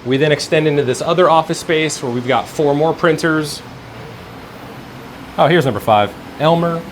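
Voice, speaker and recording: A tour guide leads the viewer through indoor workplace rooms in a casual, vlog-style walk-through, rambling and thinking aloud. His voice is a little high and his pace moderate. Faint room and air-conditioning noise sits in the background.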